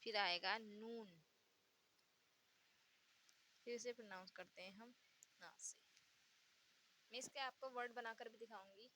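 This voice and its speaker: A woman's voice: on the high side, steady tone, normal speed, pauses often, bright, forceful tone, slight background noise. A woman teaching the Urdu alphabet, patiently repeating each letter's sound and giving example words. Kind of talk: slow letter-by-letter pronunciation lesson.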